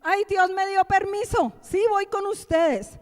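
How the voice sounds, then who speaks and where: Lady putting on a pleading prophet guy, all eager, high voice, big echoey room. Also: animated, moderate pace, darkish tone. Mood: gleeful. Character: eager pleading male prophet asking permission.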